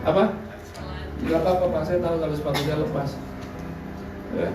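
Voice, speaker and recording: A male pastor preaches at a church service held in a hotel hall, telling stories, imitating voices and tossing in blunt slang asides. His voice is on the high side, a little fast, with fairly even intonation. Background noise, a distant mic, an echoey hall and faint music mark the recording.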